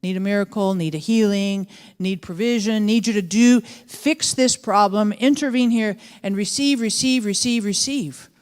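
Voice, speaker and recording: A woman's voice: mid-range voice, normal speed, few pauses, darkish tone. Lady pastor preaching in a big echoey church hall, telling the story casually and doing the characters' voices. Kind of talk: sermon. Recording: long church hall reverb.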